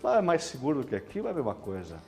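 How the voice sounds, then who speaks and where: A television host presents a live variety show, talking in a chatty, colloquial way and checking in with listeners. His mid-range voice swings hugely in pitch, races along, and sounds creaky, with background music playing.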